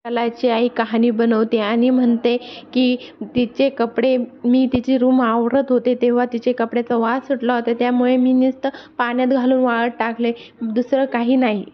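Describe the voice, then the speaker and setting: A woman's voice: on the high side, level tone, normal speed. A woman casually retelling a serial episode, quoting each character in turn. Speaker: serial recap narrator. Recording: dull lo-fi recording.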